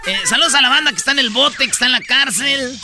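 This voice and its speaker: A man's voice: extremely high pitch, fast, music in the background. A Mexican man hosting a radio comedy segment, telling slangy jokes and acting out the characters' voices. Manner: jokey, slangy, laughs at own punchlines. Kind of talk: rapid joke-telling with acted-out voices.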